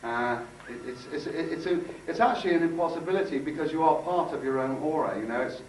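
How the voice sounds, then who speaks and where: Before a group in an indoor room, a man whose voice is a little high gives an informal workshop talk that includes a demonstration and guided visualisation. An aura healer, he speaks haltingly and conversationally, repeating phrases for emphasis. The recording is echoey, with a distant mic and faint noise.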